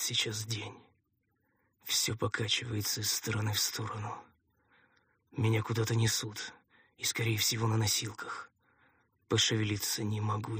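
A man narrating a fantasy audiobook in the first person with a measured, dramatic reading. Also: fairly low pitch, a bit bright, breathy edge, no room sound, studio quality.

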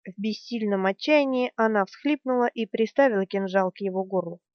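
Woman, audiobook narration, measured and dramatic, mid pitch, dry close sound. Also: no echo. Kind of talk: scripted narration. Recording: dry, slightly dull studio sound.

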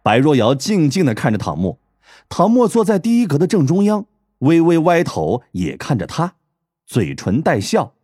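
A man narrating an audiobook in expressive, wide-ranging storytelling. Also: a little high, normal speed, no echo, studio quality. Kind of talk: scripted narration.

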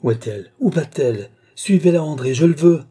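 A man's voice: moderate pace, warm tone, breathy edge, natural voice. A man voicing a commanding mesmerist who urgently orders an entranced woman to follow someone, in an audiobook reading. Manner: urgent commands, lower and intense.

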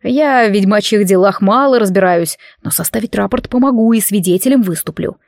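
A woman reader voicing a calm, steady adult male werewolf who is protective. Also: medium pitch, a little fast, creaky, no echo, studio quality, close to an everyday voice. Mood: explaining.

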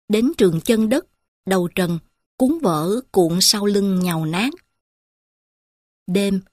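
A woman storyteller reading a narrative in a calm, measured voice of middle pitch. The recording is dry and close, with no room echo.

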